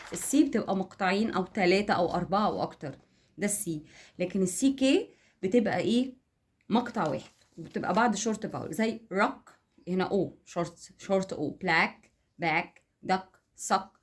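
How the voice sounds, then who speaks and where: A woman with an Egyptian Arabic accent, giving a casual English phonics lesson on her home vlog, explaining step by step and often checking that viewers follow. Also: mid-range voice. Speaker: home and English teaching vlogger.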